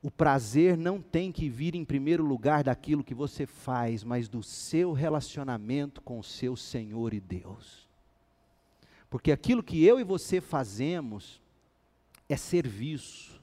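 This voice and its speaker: A male pastor preaching a sermon with animated storytelling, acting out the dialogue in his stories. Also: medium pitch, measured pace.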